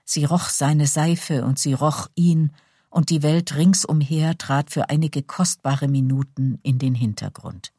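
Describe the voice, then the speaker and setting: Audiobook narrator, woman, low and dark, calm measured read. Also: slightly rough, no echo, clean studio sound. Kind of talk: scripted narration of a novel.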